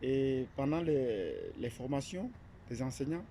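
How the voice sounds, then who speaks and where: A Cameroonian academic talks unscripted about his platform, groping for words with frequent pauses, fillers and restarts. His mellow, rather dark voice is mid-range and creaky, with big pitch swings, over a faint hiss.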